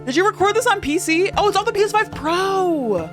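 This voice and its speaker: A young adult woman streamer reacting in casual chat, excitable and swearing freely. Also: extremely high pitch, fairly quick, over music.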